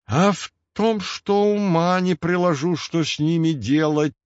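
A man's voice: fairly high pitch, big pitch swings, takes it slowly, dry recording, dull audio, heavily acted. A man voicing a ginger mustached tomcat who tells stories, talking solemnly and sighing over his troubles.

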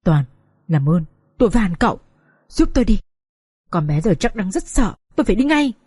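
A woman's voice: medium pitch, very animated, normal speed, mellow, husky, dry recording, studio quality. A woman voicing a frightened old grandfather who stammers urgently under panic, in a storybook reading. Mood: desperate.

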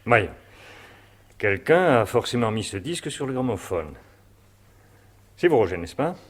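A calm, commanding old judge. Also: male voice, mid-range voice, breathy edge. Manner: measured, commanding questioning. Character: calm, authoritative elderly male judge. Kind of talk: 1970s French radio drama.

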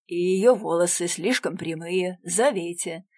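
A woman reading an audiobook, voicing a bossy, coarse grown man who snaps and demands loudly. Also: on the low side, measured pace, dry recording. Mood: demanding. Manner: loud, demanding, snapping.

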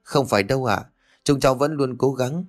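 A man's voice: fairly low pitch, moderate pace, faint music behind, natural voice. A man voicing a meek, frightened young daughter-in-law in a spoken ghost story. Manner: meek, apologetic.

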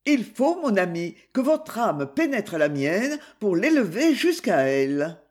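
A man's voice: sits high, sing-song, unhurried. Guy lifting his voice for a proud tender young woman, grave and fervent, audiobook.

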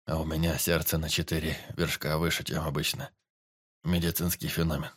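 A man reading the part of a badly wounded forester, speaking low, weak and broken, gruff and used to giving orders. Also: little pitch movement, brisk, no echo, studio quality. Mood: weak, strained. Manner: strained, breathless, low and broken.

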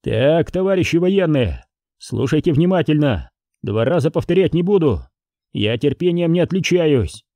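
Guy doing a tough army officer, measured, talks firm, dry close sound. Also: fairly high pitch, animated, dark tone, no echo, pitched above the performer's own voice. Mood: commanding. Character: stern male army officer negotiating threats.

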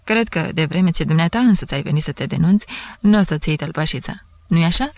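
A man's voice: a little high, lively intonation. A woman voicing a jovial male judge who talks in a familiar, bantering, disbelieving way. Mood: jovial, incredulous. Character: jovial, puzzled middle-aged male investigating judge.

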